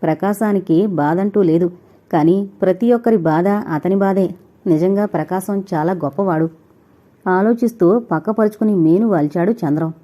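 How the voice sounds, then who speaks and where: A woman narrating a novel in a steady, even storytelling manner. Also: on the low side, moderate pace. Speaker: audiobook narrator.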